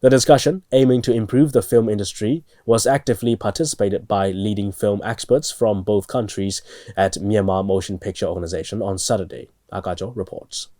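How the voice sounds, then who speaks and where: A man's voice: fairly low pitch, steady tone, fairly quick, mellow, no echo, clean studio sound. A man presenting radio news, reading scripted reports.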